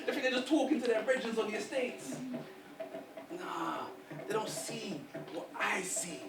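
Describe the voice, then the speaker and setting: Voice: mid-range voice, close to an everyday voice. A performer doing a sly Jamaican trickster spider spirit. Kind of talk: spoken-word performance. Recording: roomy distant voice over music.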